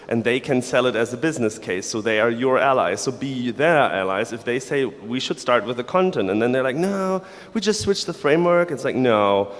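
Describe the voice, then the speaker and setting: A man from Germany, giving a playful, sarcastic conference talk to developers. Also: medium pitch. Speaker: conference speaker. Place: large conference hall. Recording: long reverb of a large hall.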